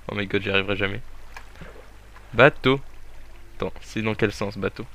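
A young man giving jokey, excitable let's play commentary, talking to the game as he plays. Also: on the low side, normal speed. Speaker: gaming YouTuber.

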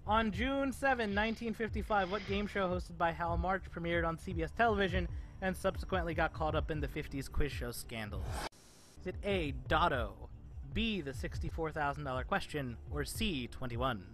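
A man runs a vulgar, joking quiz show over a voice call. His voice sits a little high, and he reads questions in a showy quizmaster style. He mocks the contestants with casual profanity. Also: normal speed, fairly bright tone. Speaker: game show host. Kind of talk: crude comedic quiz hosting.

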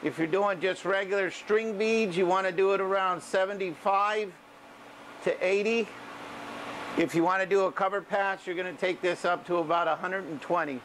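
A man's voice: sits high, steady tone, normal speed, a bit bright, a little hiss or hum. An older man, a welding teacher, explaining steps to a class in a casual, folksy way, often checking in with "okay". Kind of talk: classroom instruction. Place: school welding shop and classroom, indoors.

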